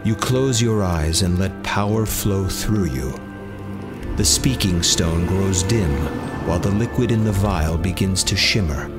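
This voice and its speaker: Low-voiced male game master narrating. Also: measured pace. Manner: calm, steady storytelling. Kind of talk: second-person story narration. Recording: faint music behind.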